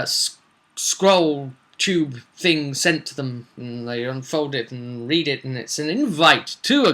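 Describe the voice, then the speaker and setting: With a fairly high, bright and forceful voice, a man acting as game master recaps his tabletop RPG campaign on a casual storytelling vlog. He hits lines with theatrical emphasis and drifts into rambling asides.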